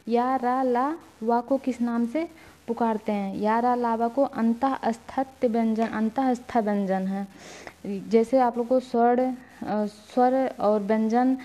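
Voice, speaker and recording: Woman, online tutor, higher mellow voice, drills sounds aloud for students. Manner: drawn-out sounds modelled for repeating; talks to viewers as friends. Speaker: online teacher. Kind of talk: exam-prep lesson.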